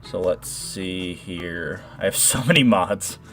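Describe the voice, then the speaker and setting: Soft background music plays as a young man with a nasal, low-pitched, fairly bright voice slowly walks through his modding in a casual livestream tutorial. He rambles and chats, reading and answering viewers' messages.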